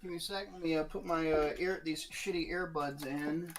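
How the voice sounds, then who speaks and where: A man's voice: fairly high pitch, steady tone, a little fast, slight background noise, poor audio. A man with a Southern US accent, a guest on a live stream, chatting casually, rambling and swearing freely. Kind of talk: casual profane chat.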